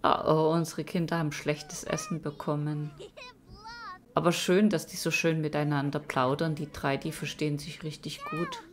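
A woman's voice: low voice, very animated, normal speed, slight background noise. A woman giving casual let's-play commentary, chatting along and talking to her game characters as she plays.

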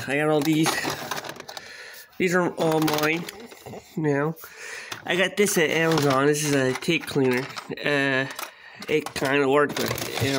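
Standing at a closet in a small bedroom, a man with a slightly high voice shows off his cassette collection in a casual home video, halting and repeating himself. He holds the phone camera himself, and the noisy handheld recording has clicks.

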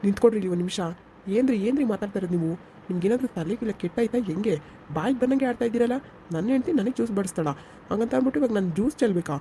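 A woman playing a short-tempered young husband in an amateur village skit, scolding in rapid outbursts. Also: mid-range voice, dark tone, a little hiss or hum, lightly acted. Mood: angry.

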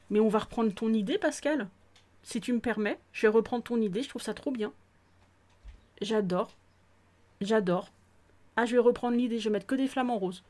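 With soft music in the background, this gaming host gives gushing, casual commentary on viewers' islands. Her voice is on the high side with a darkish tone, frequently exclaiming and at times dropping to nearly a whisper.

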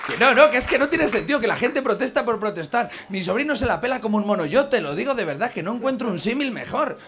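Spanish male comic, high animated voice, ranting club set over audience laughter. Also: quick pace, crowd noise. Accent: Spain Spanish. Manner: rambling, exasperated, peppers lines with "¿sabes?". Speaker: stand-up comedian. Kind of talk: stand-up monologue.

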